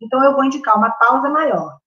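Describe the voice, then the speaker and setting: A woman with a Brazilian Portuguese accent leads a live lesson, chatting and checking in with her students. Her voice sits a little high. The sound is roomy and a bit dull. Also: expressive, fast talker, pushed and bright. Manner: chatty, checks in with the class by constantly asking "right?". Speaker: teacher. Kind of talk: live online grammar class. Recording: roomy, slightly muffled room sound.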